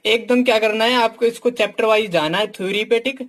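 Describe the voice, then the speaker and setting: A man's voice: high-pitched, steady tone, brisk, a bit bright. Frank male coach, constant "theek"s. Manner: fills nearly every phrase with "ठीक"; talks straight to students, calling them "my dear". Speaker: exam coach reviewing books. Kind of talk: casual teaching talk.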